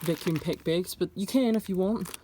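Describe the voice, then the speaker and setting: A woman's voice: on the low side, normal speed, noisy background. Young New woman. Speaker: vlogger. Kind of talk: casual vlog talk to camera. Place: indoors, speaking to camera.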